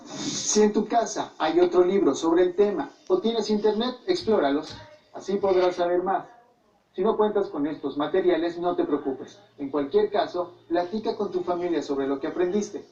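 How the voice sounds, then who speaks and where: High-voiced Mexican man presenting a school program. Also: moderate pace, warm tone. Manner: instructive, addresses children directly. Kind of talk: scripted narration. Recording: echoey and distant, dull sound.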